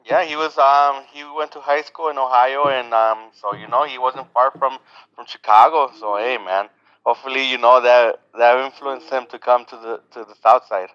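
A man co-hosting a casual sports podcast, relaxed and self-assured, often repeating himself. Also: medium pitch, normal speed, clear, resonant tone. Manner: relaxed, self-assured, repeats words and says yep a lot. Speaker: podcast co-host. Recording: dull lo-fi sound.

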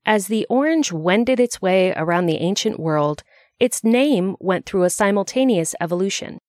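A woman's voice: medium pitch, animated, normal speed, darkish tone, no room sound. A woman narrating a scripted explainer in a bookish, conversational way, with wry asides.

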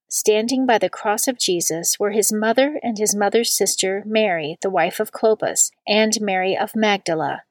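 A woman reading a long scripture passage aloud in a measured liturgical style, slowing down on the quoted words. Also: medium pitch, dry recording. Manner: slow and deliberate on quoted words. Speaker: scripture reader.

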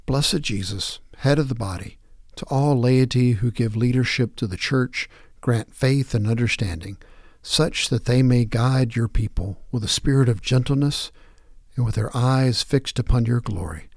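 A man reading scripture passages and prayers aloud in a measured, reverent devotional style. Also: mid-range voice, a little mellow, no echo, clean studio sound.

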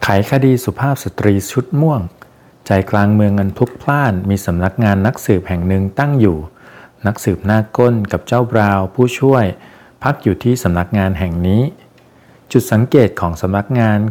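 A man reading a picture book aloud in a lowish voice. His narration is steady and clear, and it moves the story along evenly. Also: normal speed.

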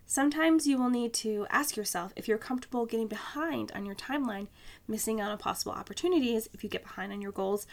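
A woman's voice: mid-range voice, vocal fry. A young woman hosting a solo podcast, talking in a chatty, candid way with lots of "like" and "um". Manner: chatty and candid, many fillers like "like" and "um". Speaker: podcast host. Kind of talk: casual solo podcast talk.

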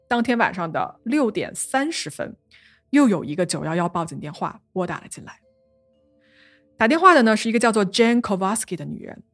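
Lady host narrating a crime case, voice rises and falls a lot. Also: medium pitch. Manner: lively narration, translating quotes into Chinese. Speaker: podcast host. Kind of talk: true-crime storytelling.

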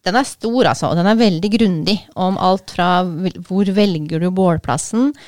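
A woman's voice: on the low side, a little mellow, no room sound, clean studio sound. A woman in a casual book talk, speaking thoughtfully with many hesitations.

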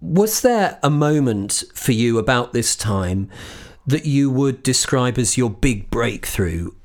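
A man interviewing a guest, asking measured, leading questions about her career. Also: mid-range voice, animated, a little mellow.

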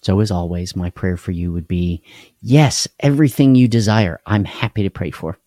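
A man's voice: sits low, moderate pace, mellow, dry recording, clean studio sound. A man hosting a live devotional talk, speaking earnestly and candidly, often repeating key phrases for emphasis. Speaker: host of a live devotional show.

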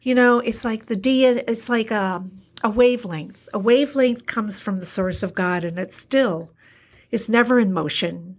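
On her solo podcast, a middle-aged alternative health practitioner reflects earnestly in a fairly high voice that's a little hoarse today. She tends to repeat herself and slows for emphasis.

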